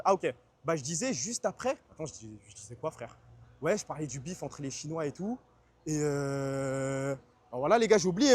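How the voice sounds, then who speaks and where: A man streaming casually, chatting fast in slang and answering his chat. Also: fairly high pitch. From France.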